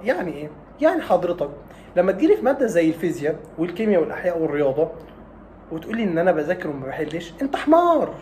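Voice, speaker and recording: A young man with an Egyptian Arabic accent rattles off study advice at a breakneck pace. His pitch swings widely as he fires rhetorical questions and teases like an older brother, with faint background noise. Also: darkish tone. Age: young adult. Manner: teasing, rhetorical, scolding like a big brother. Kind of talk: casual advice vlog.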